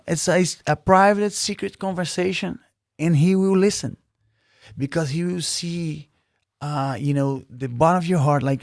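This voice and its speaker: Creaky and fairly high-pitched, this man's darkish voice comes through in studio quality with no echo. He's Brazilian, a native Portuguese speaker with a Brazilian Portuguese accent. As a podcast guest in a casual interview, he speaks earnestly, full of fillers and restarts.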